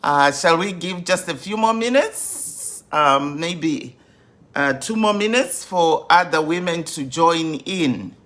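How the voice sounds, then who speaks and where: A woman in her fifties, a grief coach hosting a live stream, welcoming viewers over and over in an unhurried way with many fillers. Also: deep voice, animated, fairly bright tone. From Zimbabwe.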